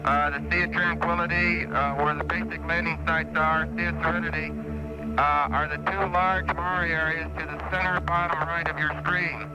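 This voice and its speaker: An astronaut describing the view to mission control in halting speech full of pauses, heard over a crackly space radio transmission. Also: male voice, fairly high pitch, level tone, over loud music. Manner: halting, many filler pauses. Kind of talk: live air-to-ground commentary.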